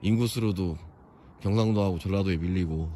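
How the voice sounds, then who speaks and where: Young male vlogger, deep voice, loose opinionated commentary, outdoor camera mic. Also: a little fast, warm tone, a little hiss or hum. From Chungcheong region, South Korea. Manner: rambling, opinionated, many fillers. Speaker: vlogger touring a historic fortress. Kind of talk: casual walking commentary. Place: outdoors at a hilltop fortress.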